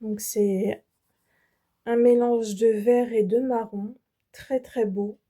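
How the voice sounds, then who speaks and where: A French woman vlogger walks through her latest craft haul at an unhurried pace. Her voice sits a bit high but has a very dark, mellow tone. She pauses often, fills gaps and restarts her sentences as she goes. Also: fairly even intonation. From France. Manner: slow, hesitant, many fillers and restarts. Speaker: embroidery channel host. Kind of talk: casual product show-and-tell.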